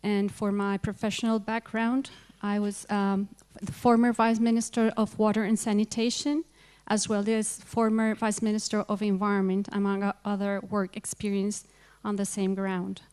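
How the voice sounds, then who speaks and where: A woman introduces herself to a panel in careful, pausing English. Her voice is smooth and clear and stays fairly level. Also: medium pitch, little pitch movement, a little mellow. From Colombia. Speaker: panel member, lawyer. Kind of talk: formal self-introduction at a ministerial meeting.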